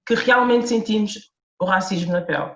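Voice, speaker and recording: A woman's voice: mid-range voice, moderate pace. Woman, Lisbon Portuguese accent, interview guest, earnest, reflective, roomy room sound, muffled lo-fi audio. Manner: earnest, reflective, restarts often. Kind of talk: podcast interview.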